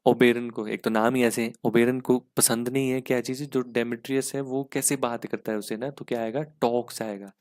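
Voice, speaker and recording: A man's voice: mid-range voice, level tone, moderate pace, few pauses, no echo. A man teaching an exam-prep English grammar lesson, explaining step by step and asking "ठीक है?" again and again.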